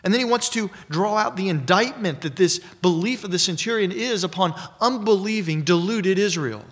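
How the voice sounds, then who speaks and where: Man, preacher, expository sermon, measured and emphatic, slightly high voice. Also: a bit bright. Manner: measured, emphatic teaching delivery.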